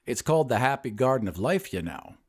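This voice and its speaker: A man's voice: mid-range voice, sing-song, brisk, slightly rough. A man doing a sardonic ancient painter. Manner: dry, mocking. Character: sardonic old male painter, two hundred years old.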